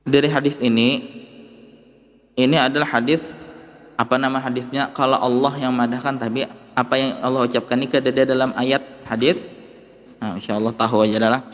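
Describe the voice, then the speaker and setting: A man's voice: mid-range voice, flat delivery, brisk, long pauses. A male religious teacher giving a study lesson, explaining points and putting questions to his listeners. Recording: long hall reverb.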